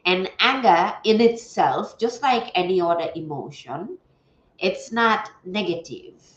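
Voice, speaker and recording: A woman with a fairly low, animated voice speaks slowly while hosting a casual livestream from a table at home, chatting and greeting viewers through a stuffy nose. The room is echoey and the sound dull and lo-fi.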